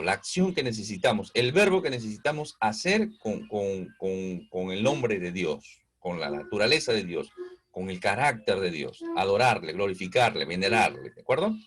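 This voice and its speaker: A man with a Peruvian Spanish accent giving a Bible teaching as a preacher, explaining slowly, stopping often on fillers and checking in with "¿no?" and "¿ya?". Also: fairly low pitch, fairly bright tone, slightly rough.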